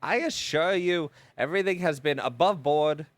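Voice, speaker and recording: A man's voice: fairly high pitch, moderate pace, no room sound, voice pushed up, close to an everyday voice. A man playing a flustered young noble son. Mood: earnest. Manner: formal, stammering, self-deprecating.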